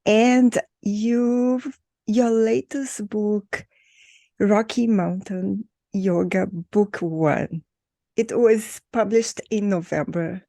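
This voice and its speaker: A woman's voice: mid-range voice, fairly even intonation, drawn-out words, vocal fry, mellow, dry recording. A woman interviewer asking questions in a conversational interview.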